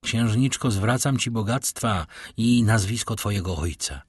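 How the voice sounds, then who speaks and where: Brooding nobleman, read by a man, solemn, slow, husky voice, dry close sound. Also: lowish voice, dry recording. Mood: tender. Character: brooding middle-aged nobleman, grave and tender.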